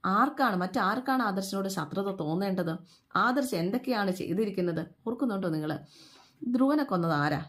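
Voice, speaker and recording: A woman's voice: medium pitch, lively intonation, brisk. Chatty woman recapping a serial. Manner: chatty, with many fillers, asks listeners questions, acts out quoted dialogue. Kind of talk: casual spoken recap of a TV serial.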